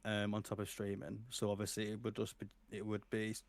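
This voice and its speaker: A man's voice: lowish voice, completely flat delivery, fairly quick. A young man, a guest streamer chatting casually on a podcast, laughing often and swearing freely.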